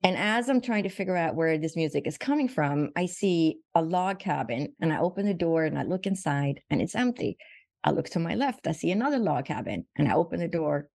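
Telling her life story on a podcast, this guest, a Swedish physician in her sixties, sounds earnest and reflective, often starting over and repeating herself. Her low voice is expressive, gravelly and slightly mellow, running a little fast, in a dry recording.

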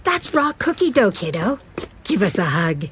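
A woman's voice: mid-range voice, very animated, normal speed, a bit bright, slight background noise. An actress playing an older mother who fusses over her grown son, in an audio drama. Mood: doting.

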